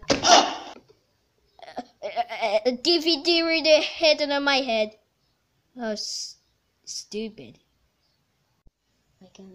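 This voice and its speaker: A woman rambling through an improvised toy play narration, bursting into loud excited shouts. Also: fairly high pitch, a little hiss or hum. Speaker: toy video maker.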